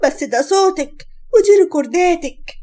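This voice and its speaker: A woman's voice: extremely high pitch, expressive, normal speed, mellow, voice pushed up. A woman with an Egyptian accent voicing a wronged young husband, curt and cold. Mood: bitter.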